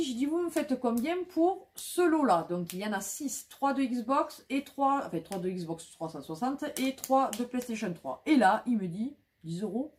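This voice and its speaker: A woman's voice: a little high, a little hiss or hum. A woman vlogging casually about flea market finds, talking with many fillers and restarts.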